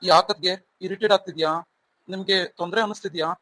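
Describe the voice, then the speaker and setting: A man's voice: high voice, fairly even intonation, fast talker, fairly bright tone, no echo, low-quality recording. A man voicing Siddharth, a remorseful young husband. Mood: pleading. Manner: pleading, earnest. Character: remorseful young husband, pleading with his wife.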